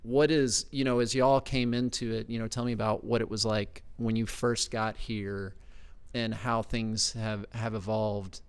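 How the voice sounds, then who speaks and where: Smooth-voiced joking male podcast host. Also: lowish voice, little pitch movement, unhurried. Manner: joking, loose and self-mocking. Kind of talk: casual interview chat.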